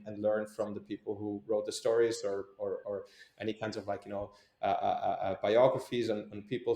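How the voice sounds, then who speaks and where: A fairly low, dark voice comes from a young Swiss man, an entrepreneur invited as an interview guest. In the echoey room he hesitates a lot, using fillers and starting over as he answers.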